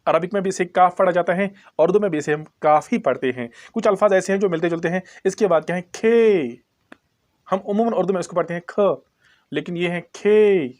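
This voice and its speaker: A man with a somewhat high-pitched voice gives a patient language lesson. He says each letter sound more than once and spells it out letter by letter. His delivery is plain and deliberate, like a classroom teacher. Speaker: Urdu teacher.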